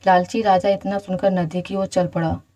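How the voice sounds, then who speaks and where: A woman narrating a children's fairy tale in a steady, even storytelling manner. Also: on the low side, normal speed, low-quality recording.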